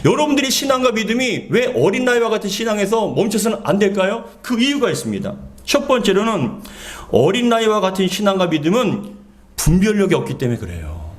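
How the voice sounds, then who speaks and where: High, lively Korean-speaking male pastor preaching. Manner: preaching with repeated phrases and questions to the congregation. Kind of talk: sermon. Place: church sanctuary.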